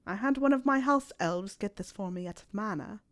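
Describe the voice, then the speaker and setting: A woman's voice: medium pitch, expressive, a little fast, lightly acted. A woman reading aloud, voicing a smug, persuasive teenage wizard boy who teases and coaxes. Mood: smug coaxing. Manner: teasing, self-satisfied, coaxing.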